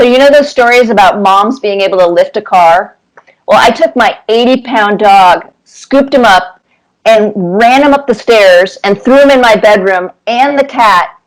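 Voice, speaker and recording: Over a rough recording, a woman cartoonist with a mid-range voice answers interview questions. She tells casual anecdotes animatedly, repeating words for emphasis.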